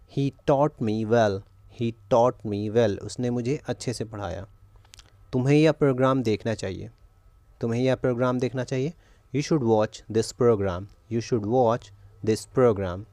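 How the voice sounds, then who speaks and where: Guy with as his teaching english phrases, super slow and careful, dry close mic. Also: medium pitch, mellow, dry recording. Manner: repeats each sentence, saying the English very slowly. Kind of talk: spoken English lesson.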